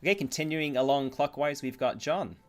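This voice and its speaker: A man's voice: a little high, a little fast. A man hosting a panel and moderating in a casual conversational style. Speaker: host, moderator.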